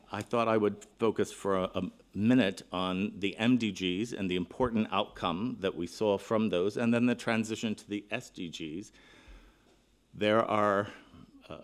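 Earnest middle-aged man giving a keynote. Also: on the low side. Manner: earnest, emphatic, with restarts and fillers. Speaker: keynote speaker. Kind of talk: conference keynote talk. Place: conference hall, seated at a panel table.

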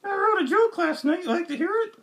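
A man voicing a cheeky boy ventriloquist dummy who tells jokes in a squeaky voice. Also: expressive, fast, vocal fry, a bit bright, full character voice.

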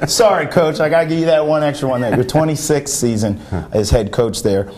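Wearing a lapel mic in a TV studio, this thirty-something host of a local sports show interviews a guest in an upbeat, playful style. He speaks fairly quickly in a fairly high, slightly mellow voice.

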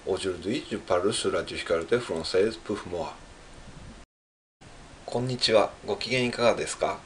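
In a deep, fairly bright voice at a measured pace, a man from Japan practices French in a solo monologue. With his Japanese accent, he works through the pronunciation syllable by syllable and repeats each part in Japanese. A little hiss or hum is present.

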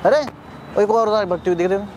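A young man vlogging outdoors in a public park, talking fast and urgently with a scolding edge and lots of repeats. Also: sits high, fairly even intonation, background noise. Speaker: YouTube creator. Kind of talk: outdoor prank-style vlog.

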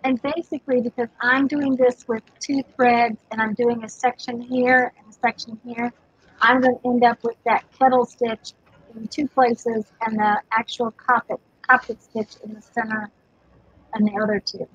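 Brief: chatty woman teaching a craft, husky, dry close sound. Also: fairly high pitch, flat delivery, moderate pace, fairly bright tone, dry recording, muffled recording. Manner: chatty, rambling with fillers. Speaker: craft instructor. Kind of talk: casual craft demonstration.

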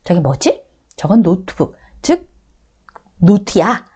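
A middle-aged woman teaching beginner English grammar with a Korean accent, drilling words slowly and coaxing her viewers. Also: lowish voice, big pitch swings, mellow, slightly rough, lo-fi sound. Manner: addresses viewers often, coaxing and encouraging.

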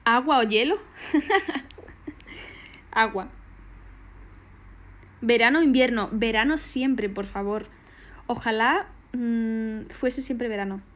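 A woman's voice: a little high, slow pace, pauses often, a bit bright. A woman, bubbly and affectionate, casually answering fan questions on a phone live stream. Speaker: singer doing a live stream.

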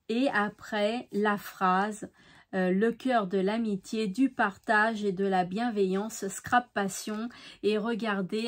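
Woman host, unhurried and gushing over each handmade card, mid-pitched, softening to hushed asides. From France. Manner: slow, effusive, admiring, drops softly to near-whispers. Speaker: craft channel host. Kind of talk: casual mail-opening show-and-tell.

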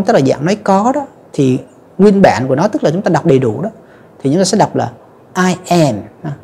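A woman's voice: sits low, mellow, slightly rough. A woman teaching an English grammar lesson in a chatty, casual way, often addressing her viewers directly. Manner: chatty, repeats "các bạn" and "ha".

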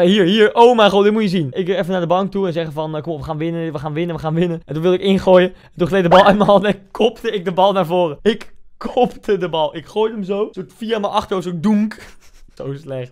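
Young man, Dutch accent, high-pitched, fast talker, joking self-mocking vlog commentary. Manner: animated, joking, self-mocking, frequent laughs and exclamations. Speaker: YouTuber commenting his own match footage. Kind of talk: casual commentary over replay.

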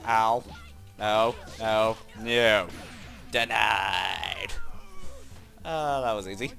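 A man casually commenting on his gameplay, rambling, giggling often and breaking into loud exclamations. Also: fairly low pitch, takes it slowly, soft background music.

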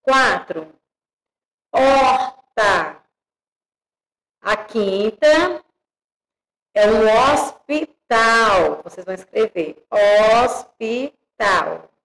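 A Brazilian woman teaching young children, spelling out syllables slowly and checking in with the class. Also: on the high side, sing-song, a bit bright, poor audio. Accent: Brazilian Portuguese. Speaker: primary school teacher.

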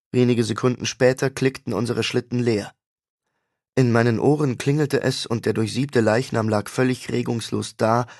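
A man reads a fantasy story in the first person with steady, even storytelling. His voice is gravelly with a husky edge, at a middle pitch. The recording is dry and close. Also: dry recording. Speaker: audiobook narrator. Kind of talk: first-person audiobook narration.

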